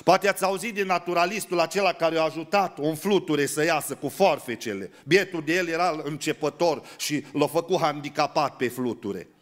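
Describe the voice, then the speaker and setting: A man from Romania preaching a sermon in a church, animated, acting out the people he quotes. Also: high voice. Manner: animated, acts out quoted voices.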